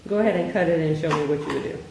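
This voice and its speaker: A woman's voice: sits low, creaky, a little mellow. Patient woman tutor in echoey room. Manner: patient, encouraging, slow questioning prompts. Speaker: reading tutor. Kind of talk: one-on-one phonics tutoring. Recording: very echoey room, faint noise.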